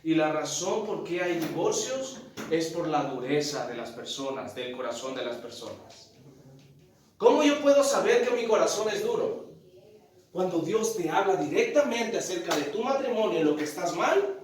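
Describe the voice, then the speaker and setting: A man preaching a sermon to his congregation in an animated, direct way, often asking them questions. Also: a little high, normal speed. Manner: animated, addresses congregation directly, tells a joke story. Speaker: pastor. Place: large church hall. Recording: very echoey church hall, mic at a distance.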